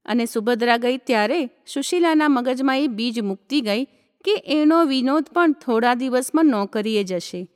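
Woman narrator, high voice, calm storybook reading, long hall reverb. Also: normal speed.

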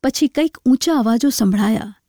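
Woman reading a short story, calm and reflective, high voice, dry close sound. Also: moderate pace, no room sound. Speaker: narrator.

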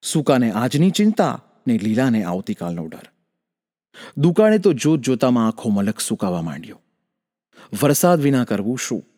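Man, folk-tale storyteller, rhythmic and animated, long room reverb. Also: medium pitch, normal speed. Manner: rhythmic, sing-song repetition.

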